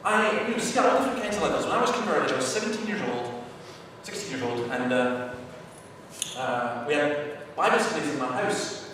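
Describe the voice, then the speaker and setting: Man speaker at a seminar Q&A, animated storyteller, captured from far off in a booming hall with background noise. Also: normal speed. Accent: Scottish. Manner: animated storyteller, acts out shouting quotes. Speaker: speaker answering questions at a church seminar. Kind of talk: lively anecdotal Q&A talk. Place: large echoey hall. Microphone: far camera microphone. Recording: echoey hall from far off, noisy.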